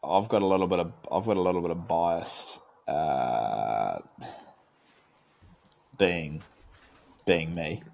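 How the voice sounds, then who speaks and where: A man's voice: low-pitched, takes it slowly, vocal fry, long pauses, a little mellow. A young man with a broad New Zealand accent, bantering casually as a podcast co-host in a laid-back, slangy way and often repeating himself. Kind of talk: casual banter between mates.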